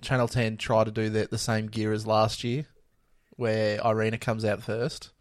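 A man's voice: fairly low pitch, little pitch movement, normal speed, dry recording. A man co-hosting a podcast, making wry, sarcastic asides in casual chat about a reality show. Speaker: podcast co-host.

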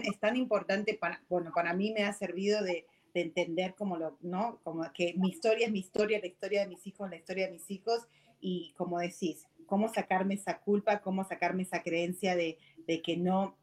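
A woman's voice: lowish voice, darkish tone. A woman with a Rioplatense accent, hosting and reflecting aloud with many hesitant fillers. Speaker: host. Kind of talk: conversational interview.

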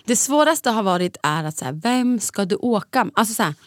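A tired young woman from Sweden, co-hosting a podcast in casual, expressive chat. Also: medium pitch, no echo, clean studio sound. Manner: chatty, expressive, venting. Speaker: podcast co-host.

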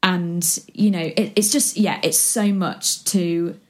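A woman in her twenties from West Yorkshire, England, chats casually as a guest, rambling with plenty of ums and likes. Her voice sits on the low side, slow and steady, with a darkish tone.

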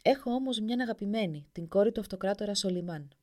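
A woman's voice: mid-range voice, lively intonation, darkish tone, natural voice. A woman voicing a proud, lonely male warrior who boasts about his tower. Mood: boastful.

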